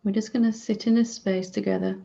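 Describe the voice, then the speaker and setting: Speaking gently in short, unhurried phrases with long gaps between them, a woman guides a meditation as a spiritual teacher. Her mid-range voice is gravelly and flat in delivery, and the audio is dull.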